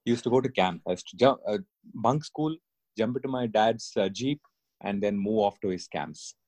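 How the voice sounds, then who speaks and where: A man's voice: on the low side, moderate pace, darkish tone, dry recording. A man from India, a neurologist, chatting as a podcast guest, hesitant with many fillers and easy laughs. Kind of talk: casual interview chat.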